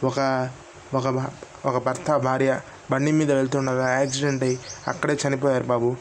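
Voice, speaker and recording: A man voicing a calm male doctor who gravely explains an old ghost story, addressing the listener fondly. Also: medium pitch, normal speed, slight background noise, lightly acted.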